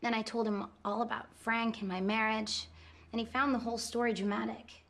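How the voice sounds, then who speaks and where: An actress playing a pampered, romantic young woman who talks in a soft, earnest, confiding way. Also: a little high, little pitch movement, brisk. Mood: dreamy. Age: young adult. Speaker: actor in a film scene. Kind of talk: naturalistic film acting.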